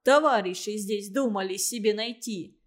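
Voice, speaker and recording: A woman's voice: mid-range voice, normal speed, lightly acted. A woman voicing a hectoring male official. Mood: accusing. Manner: hectoring and loud. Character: stern male party official, accusing, domineering.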